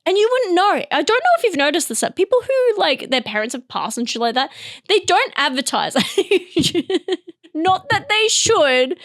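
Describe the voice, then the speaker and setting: This is a high-pitched Australian woman in her young adult years, talking straight into a close, dead-dry mic. She rambles through a comedy monologue, giggling at her own bits and chopping her sentences short to jump to the next idea. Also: very animated, a little slow, fairly bright tone, no room sound. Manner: giggly, self-interrupting, jumps between bits. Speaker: comedy podcast host.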